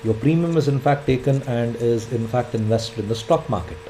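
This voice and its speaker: Man, twenties, mellow tone, explanatory lecture, filler-heavy, faint hiss. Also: medium pitch, moderate pace, poor audio. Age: 20s. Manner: filler-heavy, repeats points, says "in fact" often. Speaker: instructor.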